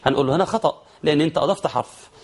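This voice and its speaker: A man with an Egyptian accent teaching Quran recitation rules, explaining quickly and then chanting verses slowly. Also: fairly high pitch, breathy edge. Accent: Egyptian Arabic. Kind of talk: tajweed lesson with chanted examples.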